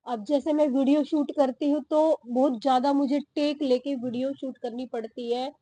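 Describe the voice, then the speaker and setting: Breathless woman speaking slowly, high warm voice. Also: fairly even intonation, dry recording. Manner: slow, breathy-paced talk with pauses. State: short of breath. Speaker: vlogger. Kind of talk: casual vlog talk to camera. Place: home garden outdoors.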